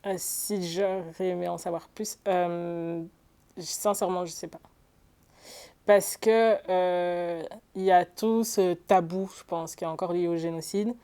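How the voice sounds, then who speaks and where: A woman's voice: fairly low pitch, steady tone, measured pace, warm tone, smooth. A woman in her early twenties, born in Belgium, a student speaking candidly and casually in an interview. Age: 20s. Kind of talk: testimony.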